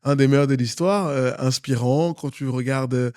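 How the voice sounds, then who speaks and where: A man's voice: medium pitch, moderate pace, a little mellow, no room sound, studio quality. A man from Cameroon with a Cameroonian French accent, a guest in an interview who stresses points by repeating words. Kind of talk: interview conversation.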